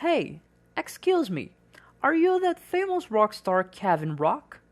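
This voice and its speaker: A woman reading the part of an excited fan meeting a rock star, in slow, carefully pronounced English. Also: a little high.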